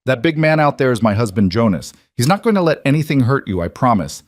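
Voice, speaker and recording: A man's voice: medium pitch, very animated, fast talker, dry recording, studio quality, pitched above the performer's own voice. A man voicing a brave young pregnant wife, urgent and pleading with her husband. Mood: coaxing.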